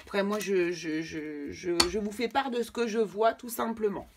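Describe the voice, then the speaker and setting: French woman, tarot reader, casual and halting delivery with lots of fillers. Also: mid-range voice, steady tone, background noise. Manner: hesitant, repeats words, many fillers. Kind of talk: casual tarot reading video.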